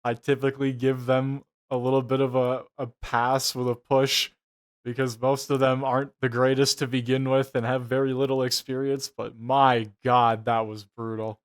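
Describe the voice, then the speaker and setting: A man's voice: medium pitch, level tone, moderate pace, clear, resonant tone. A man giving a casual, mocking reaction commentary, profane and incredulous in his delivery. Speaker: reaction show host.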